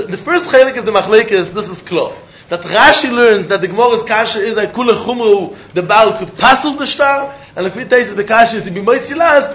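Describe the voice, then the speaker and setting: Through a muffled, dull recording with noticeable room echo and a little hiss or hum, a Yiddish-accented man teaches Talmud in English mixed with Yiddish and Hebrew. His voice is notably high and a bit bright, and he works through questions and answers argumentatively, circling back over phrases for emphasis.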